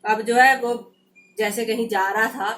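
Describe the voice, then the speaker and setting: A woman's voice: a little high, steady tone, unhurried, a bit bright, a little hiss or hum. A woman teacher explaining a textbook story, retelling each passage in loose everyday speech with many fillers.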